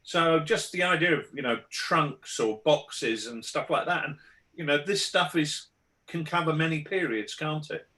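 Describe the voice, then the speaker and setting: A man's voice: fairly high pitch, unhurried, pushed and bright. A man who designs games, chatting on a hobby podcast with blunt, grumbling humour. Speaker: game designer and podcast regular. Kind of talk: casual podcast chat.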